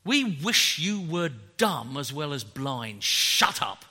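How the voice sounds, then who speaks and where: A man voicing a mocking crowd that scornfully tells beggars to be quiet. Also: fairly high pitch, very animated, slow, husky, big-room sound, soft background music, pitched below the performer's own voice, heavily acted. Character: jeering crowd telling beggars to shut up.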